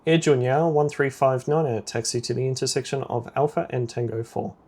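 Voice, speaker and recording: In a simulator game, a man acts as an air traffic controller, issuing clipped, procedural radio commands with a creaky voice. His pitch sits in the middle, his pace is fairly quick, and his tone is slightly mellow.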